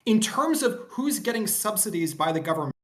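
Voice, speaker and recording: A man's voice: high-pitched, sing-song, fairly quick. A man arguing in a casual online debate over a remote call mic, his audio cutting out in dropouts as he rambles and corrects himself. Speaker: debate guest on a livestream.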